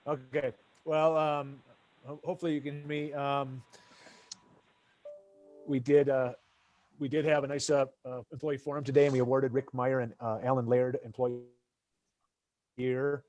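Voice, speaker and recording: A man calling into a meeting on a crackly phone line that fades in and out, talking haltingly with many fillers. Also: medium pitch, level tone, darkish tone. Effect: crackly, fading phone line. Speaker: hospital report presenter at a board meeting. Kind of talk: remote meeting call-in. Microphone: phone call into a meeting.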